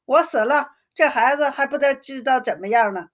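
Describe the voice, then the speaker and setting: A proud, sharp-tongued young noblewoman, as a woman reader puts her on talks in a fairly high voice. She is brusque with servants yet sounds resigned, from a classic storybook reading. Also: moderate pace, natural voice. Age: 20s.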